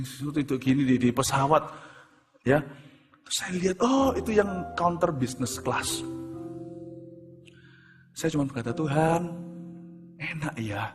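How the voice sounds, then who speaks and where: Animated man preaching in an echoey hall. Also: fairly high pitch. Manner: animated, acts out dialogue, swings between loud and hushed. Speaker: pastor. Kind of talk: sermon storytelling. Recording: echoey hall with music behind.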